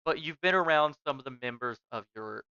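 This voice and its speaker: A game master narrating a tabletop game casually, in halting, improvised phrases. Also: medium pitch, expressive, pushed and bright, smooth, no room sound, muffled recording.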